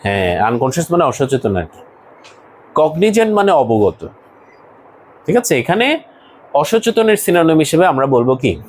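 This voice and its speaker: A man's voice: fairly high pitch, very animated, normal speed, long pauses, a little mellow, slight background noise, low-quality recording. A man teaching an English lesson to a class, explaining words one by one and asking students questions.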